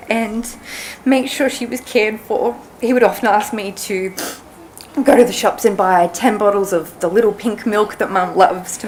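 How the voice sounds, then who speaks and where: A woman's voice: mid-range voice, slight background noise, poor audio. A young woman reading a tender family eulogy at a funeral service into a podium microphone. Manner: slow, tender, emotional.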